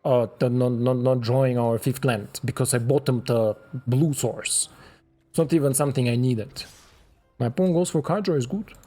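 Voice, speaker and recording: A man's voice: medium pitch, moderate pace, mellow, faint music behind. A man giving casual commentary while he plays a card game, chatting to his opponent and to the game itself. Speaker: streamer playing a card game.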